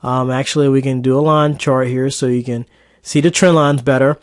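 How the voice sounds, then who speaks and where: A man's voice: mid-range voice, fairly even intonation, normal speed, no echo, studio quality. A man coaching traders in a casual, chatty screen-recorded market recap lesson. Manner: casual, chatty, with fillers and asides. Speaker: trading coach.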